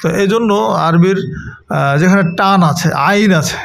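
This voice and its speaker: Man with a high voice, halting explanation, spells out sounds, faint background noise. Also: gravelly. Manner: halting, spells out letters and sounds, many fillers. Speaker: magazine editor, guest. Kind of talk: explanatory talk-show conversation.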